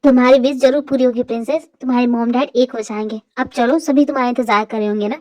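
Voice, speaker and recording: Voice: medium pitch, steady tone, darkish tone, dry recording, close to an everyday voice. A voice actor playing a caring adult who finds a little girl and reassures her, in an amateur audio drama. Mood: reassuring. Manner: quick, reassuring.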